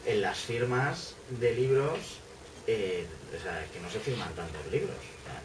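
Low-voiced man, echoey and distant. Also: animated, unhurried. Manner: rambling, many fillers and restarts. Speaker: author on a discussion panel. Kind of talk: casual panel discussion. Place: bookshop café, seated at a table. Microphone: far camera. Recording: echoey room, distant mic, noise.

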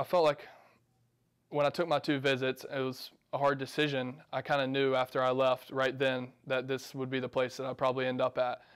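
A man's voice: medium pitch, smooth. A man in his early twenties from Georgia with an American accent, giving casual, earnest interview answers in a plain-spoken way. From Georgia, United States. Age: early 20s. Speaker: college tennis player and coach. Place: small office, indoors.

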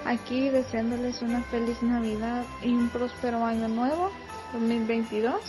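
A woman from Guatemala, gently recording a holiday greeting. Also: on the high side, fairly even intonation, moderate pace, over music, poor audio.

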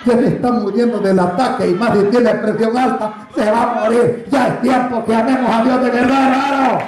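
A man's voice: extremely high pitch, steady tone, normal speed, a crowd in the background. A man preaching a sermon as pastor, joking and telling stories as he calls his listeners brother. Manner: jokey, storytelling preacher, addresses congregation as brother. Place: church. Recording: echoey church hall.

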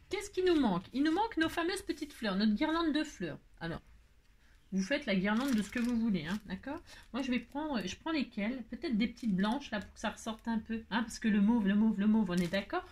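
A woman's voice: on the high side, lively intonation, moderate pace. A woman with a French accent hosting a card-making tutorial, chatting and thinking aloud as she works, with frequent delighted exclamations. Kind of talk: casual crafting tutorial.

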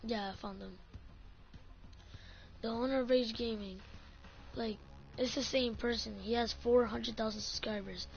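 A woman's voice: a little high, steady tone, measured pace, pauses often. A woman ranting in a casual vlog about her gaming clan, swearing often and saying "like" a lot. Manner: ranting, profane, full of "like". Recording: dull lo-fi audio, faint music.

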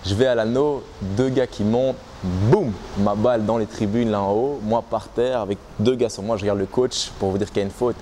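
Outdoors in front of trees, a young Belgian man talks casually to the camera about his time as a basketball player, with many restarts and fillers. His voice is on the low side, dark in tone, brisk, and fairly even in intonation. A little hiss or hum sits under the audio.

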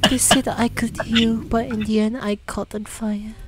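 A woman's voice: a little high, little pitch movement, normal speed. A woman casually playing a story game, reading its lines aloud, slipping into whispers at times and swearing now and then. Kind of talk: casual gameplay commentary. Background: game music.

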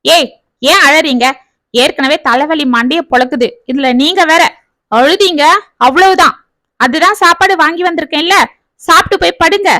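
A furious, bitter husband and father rants and scolds his family in a raised voice, as a woman puts him on in a storybook reading. The voice sits high, and the sound is dry and close. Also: fairly quick, pushed and bright, dry recording. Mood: angry. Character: angry, bitter middle-aged husband and father.

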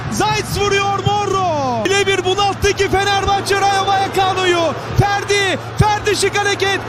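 Screaming, very high-pitched male football commentator. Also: steady tone, loud music behind the voice, a loud crowd. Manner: screaming, drawn-out goal calls and urgent repetition of players' names. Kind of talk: excited live football match commentary. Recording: loud stadium noise behind the voice. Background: loud outdoor match ambience.

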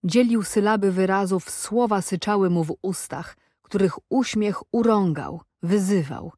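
A woman narrating an audiobook in a measured, even storytelling manner. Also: medium pitch, dry recording, studio quality. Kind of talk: scripted narration.

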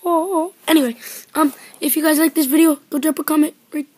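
A woman's voice: high voice, fairly even intonation, fairly quick, darkish tone, no room sound. A woman vlogging casually to her viewers, rambling with many fillers in an upbeat way. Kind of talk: casual vlog chat.

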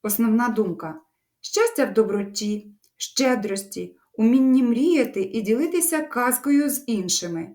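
A woman teacher giving a literature lesson with an expressive, lively delivery, addressing her pupils in a warm, encouraging way. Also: on the high side, normal speed.

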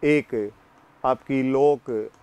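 This man's medium-pitched voice is clean and a bit mellow as he teaches political science in a classroom. Slow and deliberate, he answers his own questions and repeats his central points.

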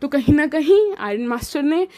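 High-voiced Indian woman teaching. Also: lively intonation, normal speed, warm tone. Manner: mixes Hindi and English, asks and answers own questions. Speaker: English teacher. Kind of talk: line-by-line lesson explanation.

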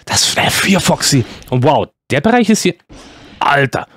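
A man commenting excitedly on a horror game as a let's-play host, exclaiming and yelping often. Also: on the high side, normal speed, no echo, clean studio sound. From Germany. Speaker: gaming YouTuber.

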